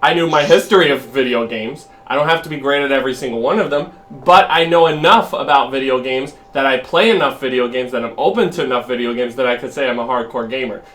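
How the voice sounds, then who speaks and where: A man's voice: medium pitch, quick pace, few pauses, a bit bright. A man streaming, arguing casually and emphatically with a friend and swearing freely.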